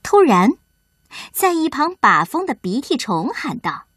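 A woman hosting and reading a children's bedtime story aloud, gentle and expressive. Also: high voice, a little slow, breathy edge, no room sound, clean studio sound.

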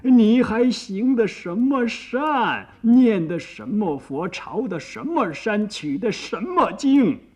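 A man's voice: fairly high pitch, expressive, takes it slowly. A man voicing a cunning bone demon disguised as an old man, who wails, pleads and gloats. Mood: accusing. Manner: whining, pleading, then gloating.

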